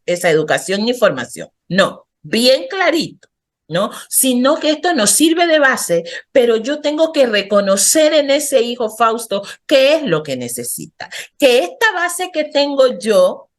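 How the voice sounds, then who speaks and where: Earnest woman counselor with lively intonation. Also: fairly high pitch, measured pace. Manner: earnest and instructive, often addresses the host by name. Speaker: counselor guest on a radio talk show. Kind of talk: radio interview, explaining to the host.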